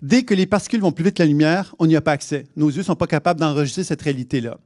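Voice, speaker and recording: A man's voice: fairly high pitch, rapid-fire, a little mellow, no room sound, clean studio sound. Québécois man giving a lecture. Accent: Québécois French. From Quebec. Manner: hesitant, many restarts and fillers. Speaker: conference speaker. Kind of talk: public lecture. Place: conference hall.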